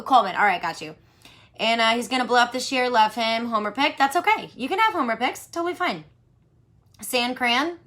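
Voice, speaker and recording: A woman's voice: fairly high pitch, pushed and bright. A woman in her thirties hosting a casual livestream, chatty and giggly, answering viewer questions and saying "like" a lot. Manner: chatty, giggly, says "like" often.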